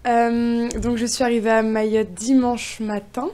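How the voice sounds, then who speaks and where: A woman's voice: a little high, flat delivery, a little slow, warm tone. A young woman from France, a poet guest answering interview questions eagerly with many hesitations. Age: young adult.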